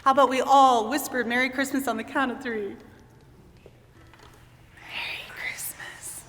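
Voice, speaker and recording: A woman's voice: high-pitched, fairly even intonation, fast talker, fairly bright tone. A woman doing playful, mock-earnest stage banter in front of a concert audience, at times dropping into stage whispers. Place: large church before an audience. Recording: long echo in a large hall.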